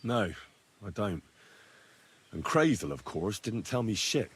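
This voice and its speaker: A man's voice: lowish voice, sing-song, slow, slightly rough, heavily acted. An actor voicing a plain-spoken young medieval swordsman with a dry manner in game dialogue.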